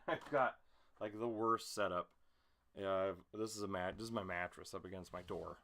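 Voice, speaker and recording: Talking to camera in a casual vlog style, a man who acts as an amateur voice actor is making an audition video. He sits in a small room at home, a mattress propped against the door, rambling in a hesitant, self-conscious manner. His low voice is pushed and bright with vocal fry, at a moderate pace.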